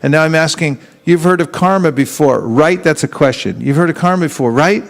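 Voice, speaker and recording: A man's voice: fairly high pitch, a little fast, gravelly. Man teaching a seminar, quizzing the room. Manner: keeps quizzing the audience with questions; acts out street exchanges in quoted voices. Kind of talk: live teaching seminar with acted-out dialogues.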